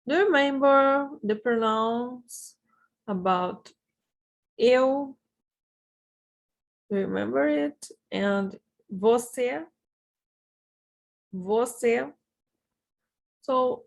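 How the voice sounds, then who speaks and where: A woman with a Brazilian accent gives a language lesson at a very slow, careful pace. She repeats each word patiently before translating it. Her fairly high voice has a gravelly edge. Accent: Brazilian Portuguese. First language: Portuguese. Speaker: language teacher.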